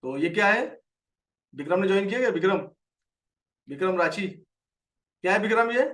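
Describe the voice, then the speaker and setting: A man's voice: high-pitched, lively intonation, normal speed, fairly bright tone, distant mic. A man with an Indian accent teaching a live trading lesson, explaining a chart and answering viewers by name.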